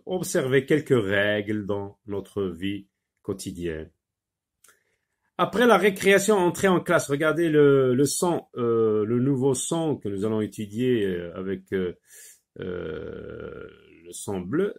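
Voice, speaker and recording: Slow, halting man teaching phonics. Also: mid-range voice, vocal fry. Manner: slow, halting, many fillers, repeats words for drilling. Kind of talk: phonics lesson.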